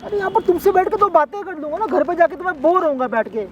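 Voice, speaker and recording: A man playing a blind older husband in a staged outdoor skit, pleading and then shouting accusations. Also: extremely high pitch, animated, fast, distant mic, lo-fi sound, a little hiss or hum. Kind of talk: staged prank skit acting. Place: outdoors in a park.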